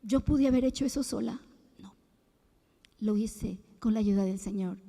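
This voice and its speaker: A woman's voice: mid-range voice, moderate pace, creaky, mellow. A middle-aged woman giving a fervent, emphatic church testimony, preacherly and repeating herself as she speaks. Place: church hall. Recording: echoey church hall reverb.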